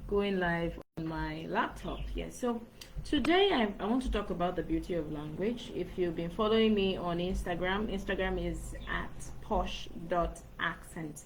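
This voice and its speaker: A speaking coach talks earnestly into her laptop microphone in a live-stream monologue, repeating phrases for emphasis. Her voice is lowish and moderately paced, and the rough recording carries slight background noise.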